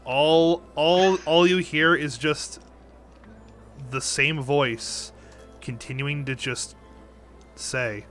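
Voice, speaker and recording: A man narrating as dungeon master over a voice call, halting and restarting often. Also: on the high side, steady tone, a bit bright, faint music behind. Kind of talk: running a tabletop game.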